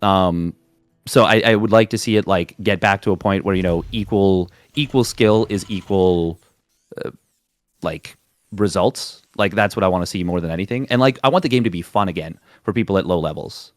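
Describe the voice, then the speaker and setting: Deep-voiced male esports co-caster. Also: normal speed, no echo. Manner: chatty, hedging, restarts his thoughts. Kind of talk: casual game commentary and analysis.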